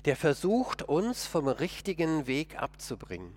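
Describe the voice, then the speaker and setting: A man's voice: a little high, wildly swooping pitch, a little slow, a little mellow. A man delivering a first-person dramatic monologue sermon in an earnest, emotional, pleading way.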